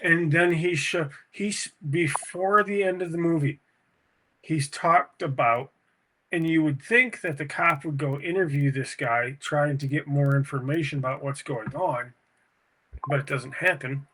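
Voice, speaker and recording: Guy chatting on a podcast, kinda high voice, rambles and curses a lot. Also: a little slow, pushed and bright. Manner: rambling, swears, goes off on tangents. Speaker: podcast co-host. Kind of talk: casual chat.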